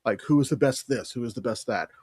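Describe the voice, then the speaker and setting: In a casual podcast conversation about pop culture, a male co-host argues his views emphatically, full of energy and lots of profanity. His mid-range voice is quick and slightly rough, recorded at studio quality without room sound.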